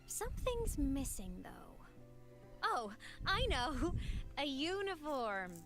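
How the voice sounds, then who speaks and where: A woman's voice: high voice, sing-song, slow, a bit bright, soft background music, exaggerated voice. A woman voicing a cheerful young female college student who talks in a bubbly, teasing way. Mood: playful. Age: young adult. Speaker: game character. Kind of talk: game voice acting.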